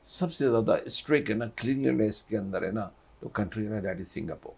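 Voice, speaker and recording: A man's voice: on the low side, lively intonation, gravelly, darkish tone, slightly rough. A middle-aged man, a talk show guest who rambles and slips English phrases into his speech. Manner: mixes English into Urdu, rambling. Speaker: studio guest. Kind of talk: casual chat.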